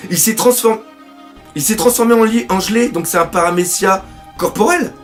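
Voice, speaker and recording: A man from France doing live reaction commentary on a manga chapter, excitable, swearing often and reading panels aloud. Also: high-pitched, moderate pace, faint music behind.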